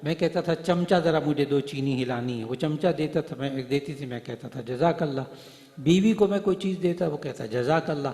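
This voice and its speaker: A middle-aged man preaching, telling stories and acting out their dialogue, swinging from soft to loud. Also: a little high. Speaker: Islamic preacher and hadith teacher. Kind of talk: Urdu religious speech to a gathering. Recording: echoey hall, voice through speakers.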